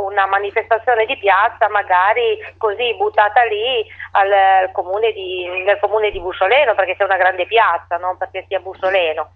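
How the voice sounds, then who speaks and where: Woman mayor heard over the phone, tinny narrow line, halting delivery. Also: medium pitch. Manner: halting, restarts phrases often. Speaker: town mayor. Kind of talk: phone interview on radio.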